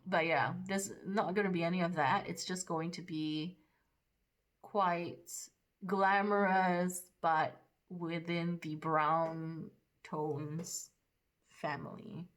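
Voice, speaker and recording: A woman's voice: fairly low pitch, steady tone, slow. A woman chatting casually and a little hesitantly through a makeup tutorial, thinking aloud as she goes. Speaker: makeup vlogger.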